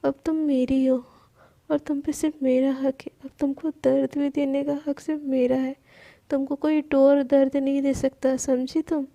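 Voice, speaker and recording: An anxious, clingy young woman, possessive and pleading, as a woman storyteller puts her on. The voice sits high with a gravelly edge and a mellow, dark color. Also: flat delivery, normal speed.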